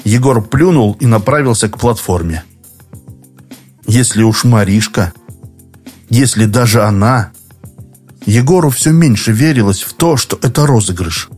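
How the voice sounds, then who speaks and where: Expressive male narrator, lively intonation, faint music bed. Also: on the low side. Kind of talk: audiobook narration.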